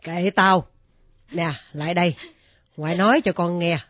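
A woman voicing a stern elderly grandmother who scolds gruffly, in a radio drama. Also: fairly low pitch, steady tone, moderate pace, no echo, muffled recording, lightly acted. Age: older.

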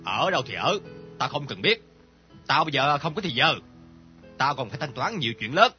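An actor playing a greedy, bullying old moneylender who turns cowardly, with a husky, blustering voice. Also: male voice, fairly high pitch, very animated, fairly quick. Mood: domineering. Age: older. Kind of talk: radio drama acting. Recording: dull lo-fi recording with faint music.

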